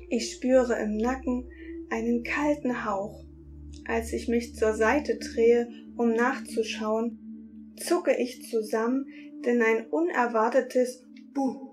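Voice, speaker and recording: A woman narrating a bedtime story in the first person, calm and unhurried. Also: fairly high pitch.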